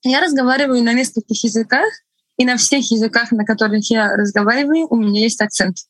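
As a guest in a relaxed interview, a woman whose first language is Estonian speaks with a foreign accent mixed from several languages. Her voice is on the high side with no echo, and she laughs often, pausing thoughtfully to find her words and restarting haltingly.

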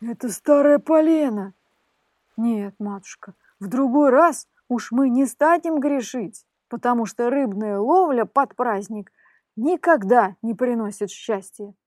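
A woman's voice: fairly high pitch, expressive, measured pace, darkish tone, dry recording. A woman voicing a good-natured old fisherman who teases and scolds his wife in a fairy tale. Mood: scolding, teasing.

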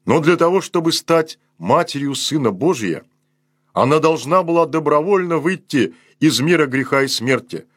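Male priest, sermon reading: husky tone, dry close sound, unhurried, phrases falling at the ends. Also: a little high, lively intonation, no echo. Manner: slow and measured, voice sinks at the close of each phrase. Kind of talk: solemn read sermon.

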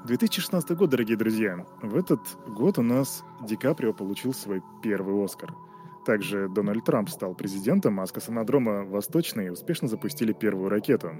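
Male interviewer, lowish voice, playful, talks to viewers, faint music under. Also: animated, a little fast, darkish tone. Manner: playful, addresses the audience directly. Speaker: interviewer host. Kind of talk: podcast interview.

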